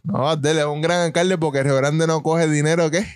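A man's voice: fairly high pitch, steady tone, a little fast, clean tone, no room sound, clean studio sound. A man, co-hosting a casual chat show, wisecracking and laughing often. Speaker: co-host.

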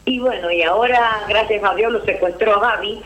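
A middle-aged woman with an Argentine accent calling in to a radio show, chatty, loud and laughing. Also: medium pitch, moderate pace, muffled recording. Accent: Argentine Spanish. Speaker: radio caller.

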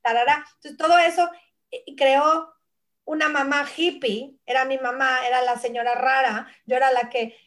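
Lively high-voiced woman in her forties. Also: normal speed. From Mexico. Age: 40s. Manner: animated storyteller who acts out family voices. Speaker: guest, nutritionist and brand founder. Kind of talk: casual conversation.

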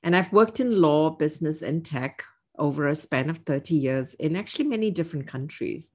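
A woman in her fifties from Singapore, speaking as an interview guest in a measured, reflective way with frequent "um" fillers. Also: sits low, expressive, a little mellow, slightly rough. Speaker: guest, investor. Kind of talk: casual interview.

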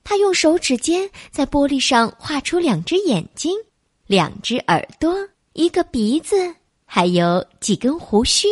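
Gentle woman telling a bedtime story. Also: sits high, very animated, unhurried, no echo, clean studio sound. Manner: soft, coaxing, addresses listener as baby.

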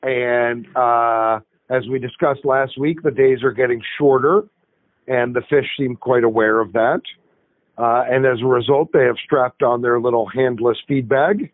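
A fishing shop owner calling in by phone with a weekly fishing report, talking in a laid-back, wry way. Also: male voice, medium pitch, steady tone, a little slow, dry recording. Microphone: telephone. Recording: tinny phone line.

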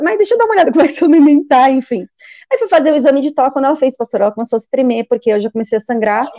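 A woman with a high, dark-toned voice tells a personal testimony at a rapid pace. She is animated and acts out the voices of others. The sound is dry and somewhat muffled. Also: dry recording. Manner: animated, acts out quoted voices and prays aloud. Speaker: guest giving a testimony.

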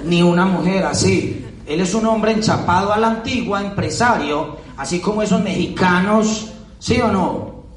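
A man's voice: high-pitched, normal speed. A man giving an emphatic motivational speech to an audience at a business event, hammering points home with repetition and rhetorical questions. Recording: echoey hall, picked up from a distance.

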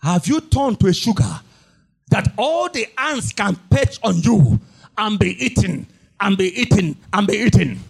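A man with a high-sitting, creaky voice and a breathy edge preaches a fiery sermon at an unhurried pace with lively intonation. He shouts and chants in a sing-song cadence, repeating phrases and breaking into tongues.

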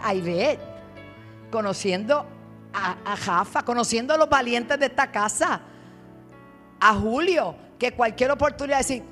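In her sermon as a visiting guest preacher, a woman recounts scripture with drama, now and then lowering her voice for asides.

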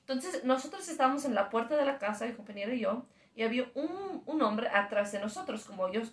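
A woman's voice: on the high side, animated, a little fast. A woman casually telling a story as a podcast guest, laughing as she talks. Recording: echoey room.

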